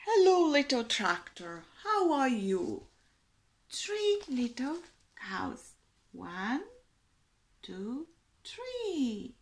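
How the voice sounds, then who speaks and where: A woman teacher in her forties reads a picture book aloud to small children, lingering on every word. Her voice sits high and swoops up and down in a lively sing-song lilt. She is recorded close up on a webcam in a small room. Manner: slow, expressive storytime reading with a sing-song lilt.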